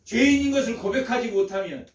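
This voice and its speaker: A pastor delivering a Sunday sermon in a notably high-pitched male voice. He drives his points home by repeating phrases and firing rhetorical questions at the congregation. The sound is roomy and slightly distant, as if picked up from across a church sanctuary. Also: a little fast. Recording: echoey church hall, mic at a distance.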